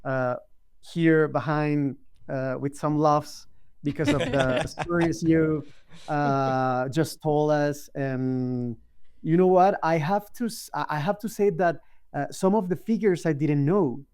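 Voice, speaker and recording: A man's voice: on the high side, fairly even intonation, slow, a little mellow, clean tone. A man, a guest speaking over a video call, thoughtful and full of hesitant ums. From Colombia. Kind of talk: casual interview chat.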